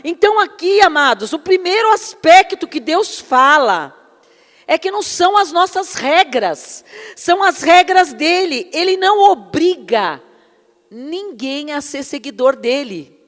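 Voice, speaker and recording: A woman's voice: high-pitched, very animated, unhurried, in a large hall. A woman preaching a sermon with personal testimony, fervent and calling her listeners brothers and beloved.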